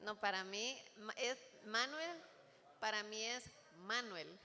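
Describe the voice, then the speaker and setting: A woman's voice: mid-range voice, slow, pushed and bright. A woman teaching a church class in a chatty, joking way, with asides to the room. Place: church hall. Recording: long hall reverb.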